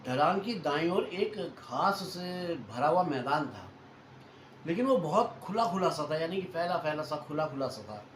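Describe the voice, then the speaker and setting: A male storyteller host casually retells a hunting story, chatting with listeners as friends and going back over points in new words. His voice sits a little high for a man, swings widely in pitch, and stays unhurried. The room is echoey with a faint hiss.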